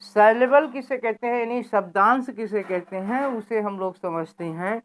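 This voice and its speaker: A woman's voice: medium pitch, moderate pace. A woman teacher explaining a lesson, asking questions aloud and answering them herself.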